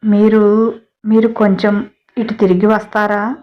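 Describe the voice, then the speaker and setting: A woman's voice: mid-range voice, level tone, measured pace, muffled recording, lightly acted. A woman voicing a weary, tearful young mother who gave birth days ago and speaks weakly, in a storybook reading. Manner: weak, tired voice.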